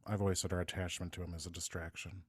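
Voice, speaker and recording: Stern cold Emperor voiced by a man, curt, very low, dry. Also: little pitch movement, fast talker, breathy edge, dry recording. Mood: disapproving. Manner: curt and dismissive.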